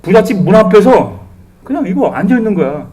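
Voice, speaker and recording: In a church sanctuary, a middle-aged pastor preaches a sermon in an animated, humorous style, acting out the voices he quotes. He speaks briskly in a high voice.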